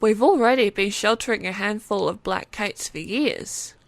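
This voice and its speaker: A woman's voice: mid-range voice, normal speed, creaky, dry recording, natural voice. A woman voicing a young, perceptive female cat-alien believer who talks in a wry, good-humored way in an audiobook. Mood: cheerful. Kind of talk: audiobook character acting.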